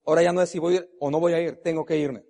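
A middle-aged man giving a motivational convention speech, swinging between shouted resolve and hushed storytelling. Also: fairly high pitch, little pitch movement, very fast, gravelly. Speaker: motivational speaker. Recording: long reverb of a large hall.

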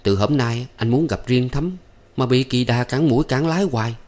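A man's voice: mid-range voice, normal speed, a little mellow, voice pushed up, natural voice. A man reading a story aloud, voicing an eager, coaxing young master. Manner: coaxing, insistent, playful. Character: young rich man, eager, teasing suitor. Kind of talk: audiobook character voice.

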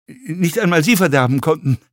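A man's voice: on the high side, animated, moderate pace, no echo, studio quality, pitched above the performer's own voice, natural voice. A man voicing a sneering, pushy fellow passenger. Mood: needling. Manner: needling, sneering, chatty. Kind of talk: audiobook reading.

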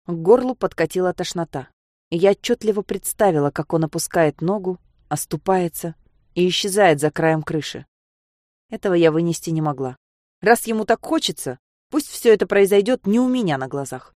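A woman narrates a first-person story in an audiobook style, her voice sitting on the low side. She throws herself into the dialogue, raising her voice for the shouted lines. The recording is dry and close, with no room sound. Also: moderate pace, no echo. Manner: acts out the dialogue with lively shouts.

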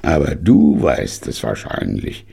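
A cautious, doubtful card player who weighs his words, speaking in a deep, gravelly, husky voice, as a man reads him aloud. His tone is measured, as in an audiobook. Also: expressive, warm tone, full character voice. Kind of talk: audiobook reading.

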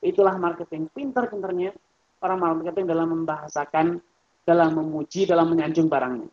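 A man giving a religious study lecture on economics. He talks in a lively, rhetorical way, addresses his listeners directly, and mimics the people he quotes. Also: fairly high pitch, brisk. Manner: mimics other people's voices when quoting them. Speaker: Islamic scholar and lecturer. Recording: muffled lo-fi lecture recording.

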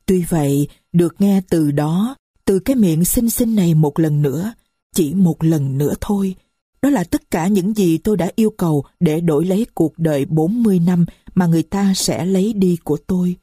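Low, husky woman narrating somberly. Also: moderate pace, dark tone, no echo, clean studio sound. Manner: somber, grieving, reflective. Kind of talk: first-person audiobook narration.

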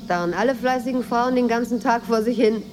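In a 1980s German radio drama, an actress plays a watchful, insinuating Moroccan maid who is outwardly deferential but quietly defiant, her delivery measured and needling. Her natural female voice is a little high, with background noise present.

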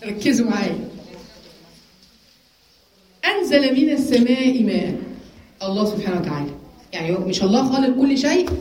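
A Quran teacher with an Egyptian Arabic accent gives a religious lesson to women, explaining verses by posing questions and answering them herself. Her high voice is a little mellow, heard in an echoey room on a rough recording.

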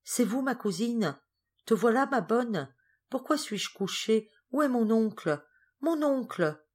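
Frail tearful young girl, read by a woman, storybook voice, high, breathless, pleading. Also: expressive, takes it slowly. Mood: bewildered.

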